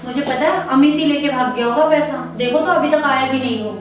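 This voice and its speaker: An actress playing a young sister-in-law who blames the servant in a rural Hindi film. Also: female voice, sits high, steady tone, fairly quick, close to an everyday voice. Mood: accusing. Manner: accusing, then apologetic. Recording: echoey room, mic far off, loud background music.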